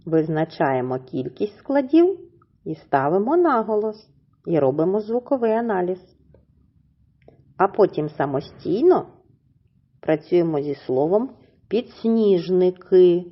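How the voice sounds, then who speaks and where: A woman teacher with a husky voice, giving a slow, clearly enunciated reading lesson to young children and drawing out words syllable by syllable. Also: on the low side, sing-song, muffled recording. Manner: syllable-by-syllable drawn-out pronunciation, encouraging. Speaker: primary school teacher.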